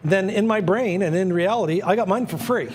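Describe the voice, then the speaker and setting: High-voiced male live auction host. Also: brisk, darkish tone, in a large hall. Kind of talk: live auction patter and casual chat.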